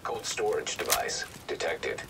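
A man voicing a male in-game AI system through a metallic robotic filter, giving flat, clipped status reports. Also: unhurried, very noisy. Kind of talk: video game status announcements. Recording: distant voice over loud game music.

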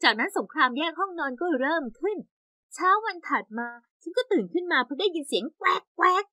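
A young woman narrating an animated story in the first person with lively, exaggerated storytelling. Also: very high voice, quick pace, no room sound.

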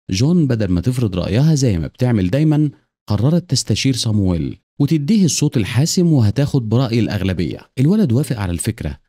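Fast Egyptian man narrating, dry close sound. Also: medium pitch, mellow, breathy edge, no room sound. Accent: Egyptian Arabic. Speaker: film recap narrator. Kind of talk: scripted narration.

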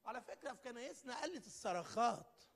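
A man's voice: very high-pitched, animated, fast, vocal fry. A man preaching a live church sermon, emphatic and full of rhetorical questions. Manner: emphatic, rhetorical questions, dramatic swings in loudness. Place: church hall. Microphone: live broadcast microphone. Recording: long church hall reverb.

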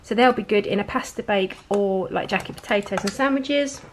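A woman's voice: medium pitch, fairly quick, a little hiss or hum. A woman in her thirties from England, casually chatting through a grocery haul at home while filming on a handheld phone, thrifty and full of rambling asides. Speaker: family vlogger. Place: home kitchen, indoors. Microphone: handheld phone camera filming groceries.

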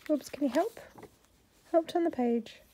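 A woman with a husky voice, prompting and encouraging a small child through reading in a casual way. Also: high voice, a little slow, warm tone, a little hiss or hum, rough recording. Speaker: adult helping a young child learn to read. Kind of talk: casual coaching of a beginner reader. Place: indoors at home, cluttered room.

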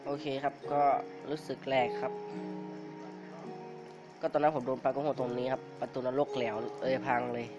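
Man with a cold, excitable gamer. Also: medium pitch, normal speed, pauses often. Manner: excitable, frequent startled exclamations. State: has a cold, stuffy and short of breath. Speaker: gamer and video host. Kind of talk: casual game commentary. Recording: dull lo-fi recording with clear background music.

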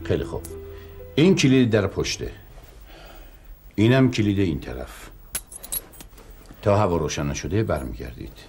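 A man's voice: sits low, big pitch swings, pauses often, darkish tone, faint music behind. An actor playing a gang man who curtly hands out keys and a gun and gives orders, in a TV crime drama. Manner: curt, giving orders.

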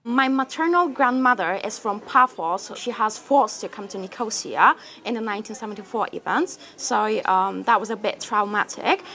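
A woman in her twenties from North Cyprus, a medical student, giving relaxed, chatty interview answers. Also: medium pitch, normal speed, few pauses. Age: 20s.

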